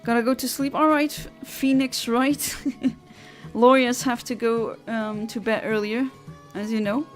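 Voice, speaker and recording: A young woman streams over a headset mic, reading viewer comments aloud. She talks in a chatty, giggly, rambling way, with a slightly high voice. Faint game music plays quietly behind her. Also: fairly even intonation, unhurried. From Luxembourg. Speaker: livestreamer.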